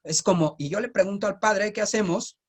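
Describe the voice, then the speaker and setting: Speaking with a Mexico City Spanish accent, a man delivers a Bible lesson in an easygoing, conversational style, often using tag questions to check on his audience and dropping in playful jokes. His voice is high-pitched, quick, and husky.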